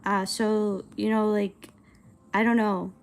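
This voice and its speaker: A woman's voice: mid-range voice, flat delivery, takes it slowly, a little hiss or hum. A woman in her twenties chatting casually on a livestream while she animates, rambling and hesitant, with lots of filler words. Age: 20s. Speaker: streamer and animator.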